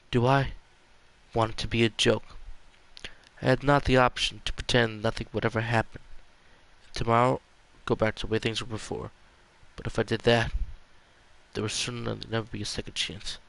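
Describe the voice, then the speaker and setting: A man's voice: lowish voice, gravelly, a bit bright. A man reading a visual novel aloud for a let's-play, stumbling and repeating words as he goes. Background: game music.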